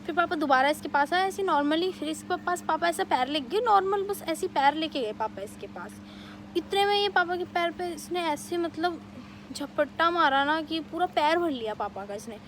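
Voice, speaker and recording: A young woman vlogger telling a family story in a casual, animated way, with many fillers. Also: very high-pitched, a little hiss or hum. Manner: animated retelling, quick bursts, many fillers.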